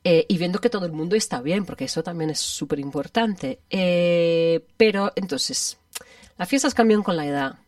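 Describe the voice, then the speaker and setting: Lively low-voiced woman leading a chat. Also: normal speed, no room sound, clean studio sound. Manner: lively, animated, poses questions. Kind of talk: casual conversation. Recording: voice from a distance off the mic.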